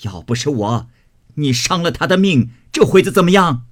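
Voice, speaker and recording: A man voicing a stern, scornful old matriarch who scolds and commands her grandson, in a husky voice. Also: mid-range voice, measured pace, pitched above the performer's own voice, lightly acted. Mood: scolding.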